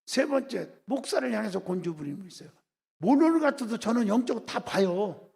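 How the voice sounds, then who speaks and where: Gravelly high-voiced preaching pastor. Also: male voice, animated, fairly quick, a little mellow. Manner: preaching with constant call-and-response questions to the congregation. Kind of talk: revival sermon. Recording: echoey church hall.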